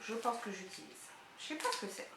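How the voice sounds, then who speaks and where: A woman vlogger chatting excitedly as she unboxes gifts, thinking aloud as she goes. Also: mid-range voice, quick pace, gravelly. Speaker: beauty vlogger. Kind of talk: casual unboxing chat. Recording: roomy echo, faint hiss.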